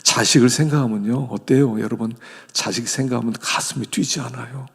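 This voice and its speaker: A middle-aged man preaching a sermon as a pastor, with sudden leaps from loud exclamations down to hushed whispers. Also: medium pitch, steady tone, a little fast, vocal fry, slightly rough. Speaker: senior pastor. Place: church sanctuary. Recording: long church hall reverb.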